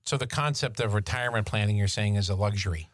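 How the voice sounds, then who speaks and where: Dry-witted low-voiced male podcast co-host. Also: fast, no echo. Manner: dry sarcastic quips. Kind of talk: casual chat.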